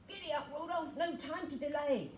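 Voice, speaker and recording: A woman's voice: mid-range voice, huge pitch swings, moderate pace, mellow, a little hiss or hum. Woman reading storybook Santa, cheery and eager, roomy echo. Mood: urgent. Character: jolly, grateful Santa Claus.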